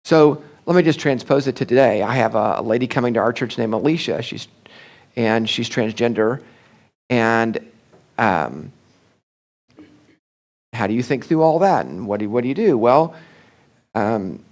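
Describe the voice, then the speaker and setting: A middle-aged man, a senior pastor giving an animated, conversational church talk that often slips into acted-out quoted voices. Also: mid-range voice, measured pace, pauses often. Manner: animated, acts out quoted voices, many restarts and fillers.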